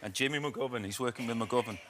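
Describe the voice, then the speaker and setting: A man's voice: medium pitch, fast talker, a little hiss or hum. A man, a guest actor telling self-mocking stories on a talk show. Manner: warm, self-mocking anecdotes. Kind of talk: chatty studio interview. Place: TV studio with audience.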